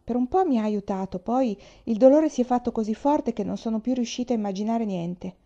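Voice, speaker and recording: Brief: woman reading as a sensitive, fearful young boy, soft and pleading, warm voice, muffled recording. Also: a little high, a little fast, natural voice. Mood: plaintive.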